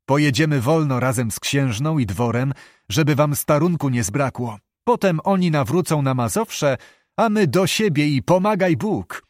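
A man voicing an old, gruff knight uncle who is practical and worried, speaking in blunt archaic phrases. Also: a little high, lively intonation, normal speed, no echo, studio quality, natural voice.

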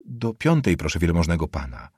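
A man's voice: low-pitched, sing-song, brisk, darkish tone, breathy edge, dry recording, heavily acted. A man playing a poor, earnest teenage student who answers politely and deferentially, in an audiobook reading.

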